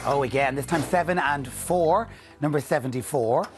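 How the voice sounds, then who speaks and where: A man's voice: a little high, moderate pace. A man in his forties working as a bingo caller on a TV game show, calling numbers in a rhythmic, repeating presenter's delivery. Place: indoor TV studio. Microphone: lapel mic. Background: music.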